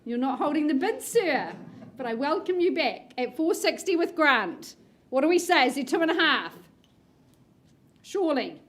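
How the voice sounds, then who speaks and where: A woman's voice: sits high, big pitch swings, moderate pace. A woman auctioneer calling live bids in a playful, coaxing patter, reading out numbers like a bingo caller. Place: room with bidders present.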